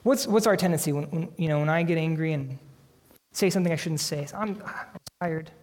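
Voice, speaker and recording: A man preaching a sermon, earnest and emphatic, slowing down for dramatic weight on key phrases. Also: a little high, a little mellow. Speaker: pastor. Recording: long hall reverb.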